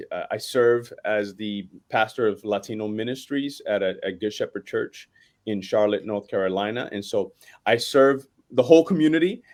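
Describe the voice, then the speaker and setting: Pastor guy from puerto rico, low voice, lots of uhs and ums. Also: a little mellow. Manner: halting, many fillers and restarts. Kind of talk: casual guest introduction.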